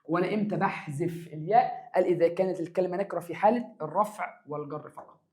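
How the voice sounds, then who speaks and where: A man's voice: high voice, fast. A man teaching an exam review of grammar in an Egyptian accent, stretching words for emphasis and answering his own questions. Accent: Egyptian Arabic. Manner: lively, stretches words for emphasis, calls students "my dears". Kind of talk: exam review lesson for secondary students.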